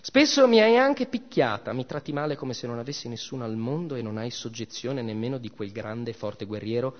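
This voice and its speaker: A man's voice: mid-range voice, lively intonation, fairly quick, lightly acted. A man voicing Venus, a haughty vengeful goddess and jealous mother, in a scolding, theatrical way during a dramatic reading of a myth. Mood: furious scolding. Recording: dull recording with long reverb.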